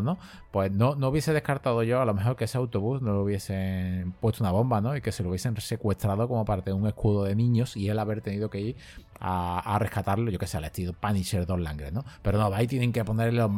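Male podcast co-host, lowish voice, halting casual film chat with tag questions. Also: a little mellow.

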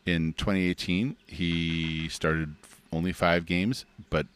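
A man with a gravelly voice co-hosting a podcast, chatting casually about sports in a teasing, conversational way. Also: low-pitched, little pitch movement, slow, a bit bright, no room sound. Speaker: podcast co-host.

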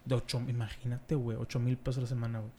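A man's voice: medium pitch, level tone, rapid-fire, crowd noise. A young Mexican man with a Mexican accent, a streamer chatting casually in a rambling, slangy, profane way. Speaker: streamer and podcast host. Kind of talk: casual chat.

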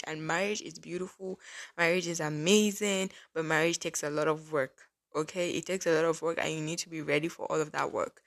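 A woman in her early twenties hosts a casual faith-based podcast, sounding chatty and earnest and filling her speech with lots of "like." Her voice sits on the low side and is a bit bright.

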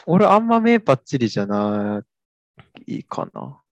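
Lively young man in casual chat. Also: mid-range voice, unhurried, no room sound, lo-fi sound. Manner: reactive, frequent short back-channel replies, laughs easily.

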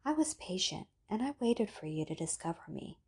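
A woman voicing a soft, seductive computer. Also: mid-range voice, big pitch swings, normal speed, breathy edge. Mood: calm, controlling. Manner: soft, ethereal, coaxing.

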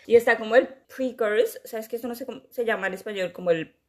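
A young woman chatting casually as a podcast co-host, explaining things at length in an animated way and imitating sounds. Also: fairly high pitch, fast talker. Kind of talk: casual chat.

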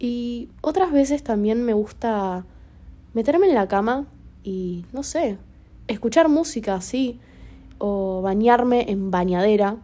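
A woman's voice: on the high side, slow, warm tone. A young woman with a Rioplatense Spanish accent, hosting an improvised solo podcast in a rambling, chatty way full of fillers. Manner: rambling, chatty, many fillers like "tipo" and "o sea". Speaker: podcast host.

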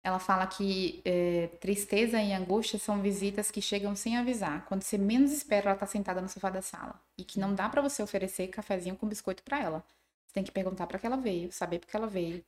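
Brisk, expressive woman guest in a casual podcast chat. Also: medium pitch. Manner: quick, expressive talker who acts out little dialogues.

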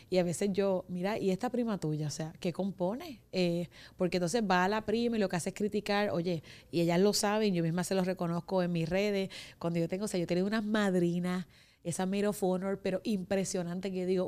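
A woman wedding planner with a Puerto Rican Spanish accent, chatting as a podcast guest and acting out her clients' voices as she tells stories. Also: lowish voice. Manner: animated storyteller, acts out clients' voices. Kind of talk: casual chat.

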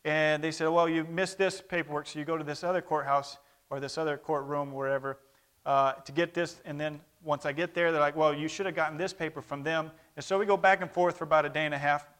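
His tone is steady, clear and resonant, a bit bright, pitched on the high side and brisk. He's a Brazilian-raised, Portuguese-first man in his thirties reporting conversationally on missionary work to a church and asking for amens.

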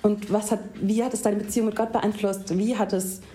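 A young woman talking as a podcast guest in a casual, lively interview chat, enthusiastic and quick to laugh. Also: mid-range voice. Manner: lively, enthusiastic, laughs often, acts out quotes.

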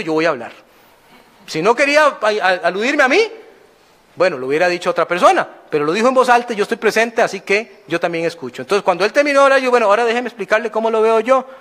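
A middle-aged male pastor preaching a sermon, asking rhetorical questions and dropping into quiet storytelling. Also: very high voice.

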